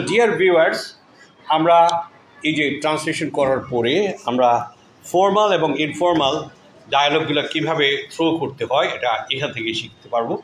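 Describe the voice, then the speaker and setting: A male teacher leads a classroom drill, encouraging the children and prompting their answers. His voice sits a little high for a man. The room is echoey, with a faint ambient hum behind him. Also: fairly bright tone. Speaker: English teacher. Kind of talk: classroom lesson drilling students.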